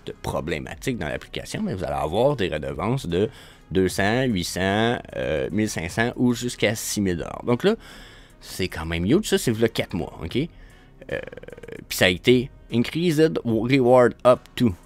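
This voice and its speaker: A man's voice: lowish voice, very animated, moderate pace, soft background music. Rambling Québécois man hosting a show. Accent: Québécois French. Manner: rambling, stumbles and restarts often. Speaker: show host. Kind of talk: casual screen-share commentary.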